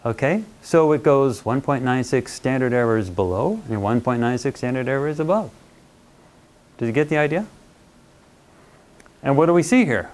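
A man's voice: medium pitch, expressive, normal speed, long pauses, a little mellow. Chatty man lecturing a university class. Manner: conversational, checks in with students often; playful, acts out little quoted voices.

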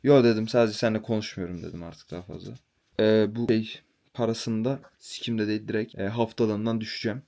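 A man's voice: lowish voice, steady tone, fairly quick, mellow. A young man venting in a casual vlog monologue, heated and swearing freely. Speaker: vlogger.

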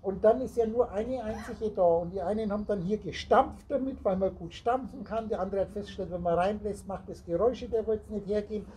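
Talking a little fast with hardly any pauses, a man whose voice sits high but dark lectures a small group in a meeting room as a spiritual teacher. He rambles, plays with word roots and addresses his listeners directly, captured on a low-quality recording with slight hiss or hum amid the chattering group.

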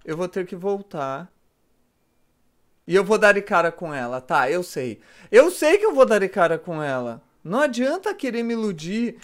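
A man doing let's play commentary, excitable, yelping and shrieking in panic as he plays. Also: high-pitched, normal speed. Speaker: gamer.

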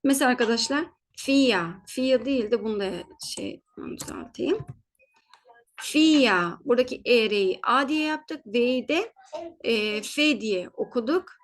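A woman teaching German pronunciation in a patient spoken lesson, repeating each word slowly, checking in often, and fixing her own slips as she goes. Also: a little high.

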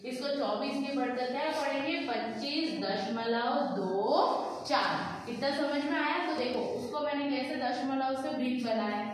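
A woman teaching a school math lesson, asking the pupils questions and answering them herself, and slowing down to read numbers digit by digit. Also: high voice. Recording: echoey classroom, voice from far off.

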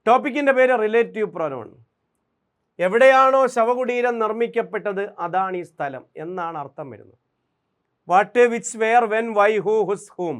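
A man with a Malayali accent, a native Malayalam speaker, teaching English grammar for exams, drilling examples and asking quick questions. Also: high-pitched, clear, resonant tone. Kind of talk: exam-prep grammar lesson.

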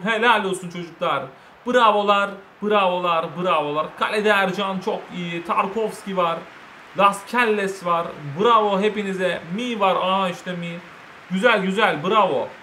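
A high-pitched young man with a Turkish accent calls his own football video game match as a lively commentary. He cheers, groans and scolds his players at every chance. A faint background noise sits under his voice. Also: normal speed. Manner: shouts in excitement, scolds the players, cheers them on. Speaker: gaming channel host.

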